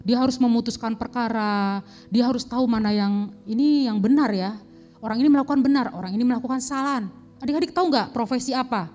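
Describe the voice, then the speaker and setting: A young woman leads a children's Sunday school lesson, retelling a Bible story with animated exclamations and little acted-out voices for the characters. Her voice sits high, and soft music plays faintly behind her. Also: fast. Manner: animated, acts out characters' lines with gasps and exclamations.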